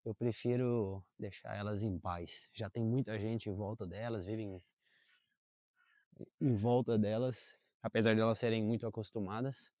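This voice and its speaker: A young adult vlogger, a native Portuguese speaker, talks casually to camera outdoors in a park, chatty, self-correcting, and full of fillers. His lowish voice holds fairly even intonation at normal speed, a little mellow, with studio quality and no echo.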